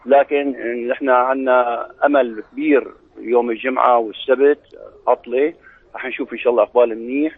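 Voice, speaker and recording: Husky Syrian craftsman on radio. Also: medium pitch, steady tone, brisk. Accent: Syrian Arabic. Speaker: brocade craftsman being interviewed. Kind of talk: live radio interview answers. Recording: muffled narrow-band radio line.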